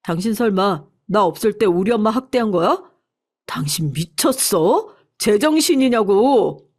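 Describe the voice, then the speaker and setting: A woman's voice: medium pitch, expressive, unhurried, darkish tone, slightly rough. Woman doing an angry young husband, demanding answers, snapping questions, story reading.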